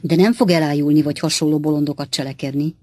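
A woman voicing a sly, teasing traveling salesman in an audiobook, in a measured, knowing manner. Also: sits low, steady tone, darkish tone, no echo, clean studio sound. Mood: soothing. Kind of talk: audiobook character voice.

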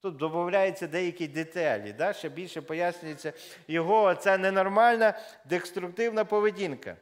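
A man's voice: high voice, normal speed. A man preaching a sermon in church, talking in a conversational way with frequent fillers and self-corrections, and reading scripture aloud with raised emphasis.

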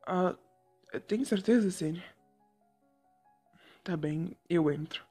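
A gentle, bashful young photographer, played by a man in a whispered role-play, speaking slowly to the listener. His voice is soft and breathy, with faint music playing in the background. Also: high-pitched, full character voice. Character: young male photographer, shy and sweet.

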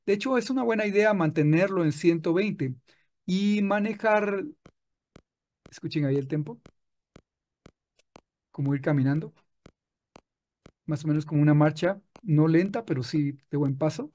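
Guy walking thru music software step by step, kinda high voice, soft mellow tone. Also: moderate pace, pauses often. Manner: patient, explains step by step with many restarts. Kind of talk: screen-recorded tutorial.

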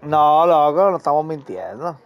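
A man chatting casually while playing an online game with a friend, teasing him and breaking into excited shouts. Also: on the high side, normal speed, highs cut off. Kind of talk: casual gaming chat.

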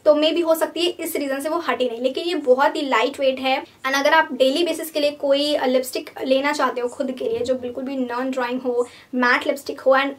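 A woman's voice: high-pitched, fairly even intonation, a little fast, hardly any pauses. A woman giving a chatty makeup review, mixing English words into her Hindi. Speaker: beauty vlogger. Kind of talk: casual product review.

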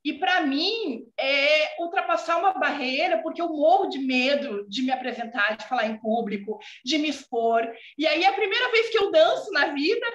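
Over a laptop-mic video call from her home, a gaúcha woman in her forties from southern Brazil speaks earnestly and warmly as a student guest in casual chat. Her high voice has lively intonation at normal speed with hardly any pauses, and her Brazilian Portuguese sentences keep ending on a questioning "né". The call sounds dull and echoey.

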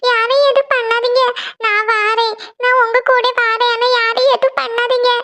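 A woman's voice: extremely high pitch, little pitch movement, moderate pace, bright, forceful tone. A woman voicing a pleading sleepwalking cartoon girl. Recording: dull lo-fi sound.

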